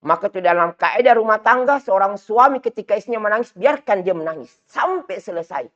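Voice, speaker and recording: A man with a Makassar Indonesian accent giving a religious lecture, emphatic and repetitive, climbing higher to stress his points. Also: expressive, fairly quick, fairly bright tone. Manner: emphatic, repetitive, rising to raised pitch for stress. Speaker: Islamic teacher. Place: study hall. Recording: dull lo-fi recording.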